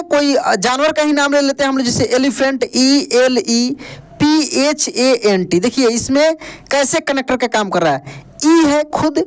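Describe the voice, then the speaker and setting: A male teacher in an online video lesson, spelling words out letter by letter and calling the viewers friend. He asks the viewer questions and then answers them himself. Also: extremely high pitch. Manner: repeats "ध्यान दीजिएगा" and calls viewers friend. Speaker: English teacher.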